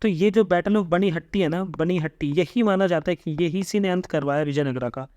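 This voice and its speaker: Young guy tutoring, high voice, dead dry sound, reads slow then rattles off the explaining bits. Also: darkish tone, smooth, no room sound, dull audio. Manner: reads English notes slowly, then explains quickly in Hindi; stumbles over hard names and apologizes. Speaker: exam-prep teacher. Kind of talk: lecture reading notes aloud, explaining in mixed Hindi and English.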